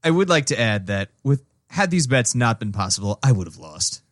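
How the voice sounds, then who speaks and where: A man's voice: mid-range voice, very animated, moderate pace, fairly bright tone, dry recording, studio quality. A man co-hosting a casual podcast, playful and jokey. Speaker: podcast co-host.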